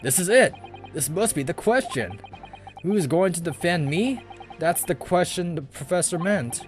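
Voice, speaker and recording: Anxious young male defendant performed by a man, video game protagonist, earnest, unsure, voice a little high. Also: lively intonation, normal speed, faint music behind, lightly acted. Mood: anxious inner thought. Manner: earnest, hesitant.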